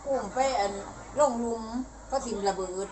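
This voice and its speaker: An older woman with an Isan accent, chatting casually and reminiscing in a rambling, halting way. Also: fairly high pitch, darkish tone. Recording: noisy home-style recording.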